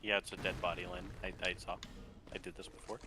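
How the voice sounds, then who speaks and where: Man with a bright, sharp voice. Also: deep voice, flat delivery, quick pace. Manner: profane, joking, talks while playing. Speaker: gamer on voice chat. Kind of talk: casual gaming banter.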